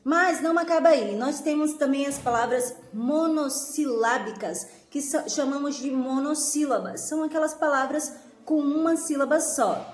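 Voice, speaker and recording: A woman teacher reviews a grammar lesson for her class. She speaks in a clear, didactic way and says each example word slowly and with stress. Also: sits high, roomy sound.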